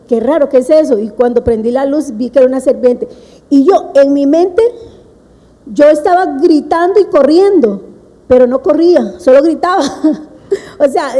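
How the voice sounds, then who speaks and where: A woman with a Costa Rican accent telling a personal story to a seminar audience, lively and laughing at herself. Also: sits high, big-room sound, low-quality recording. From Costa Rica. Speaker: seminar speaker.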